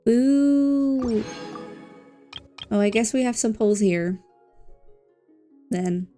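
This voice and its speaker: Casual game-stream chat: a woman talks playfully with viewers, repeating words and dragging them out. Her voice is medium-pitched, dark and smooth.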